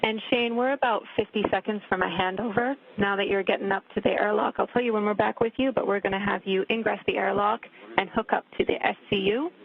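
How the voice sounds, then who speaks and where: A woman at mission control calmly talking crew through procedural steps over a radio link that sounds like a sci-fi communicator. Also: medium pitch, fast, vocal fry. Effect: narrow radio channel, like a sci-fi communicator.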